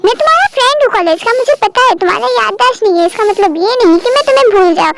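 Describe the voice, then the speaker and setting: A woman's voice: very high-pitched, expressive, racing, vocal fry, very noisy, heavily acted. A woman voicing a caring young male college friend in an amateur fan dub, anxious and coaxing.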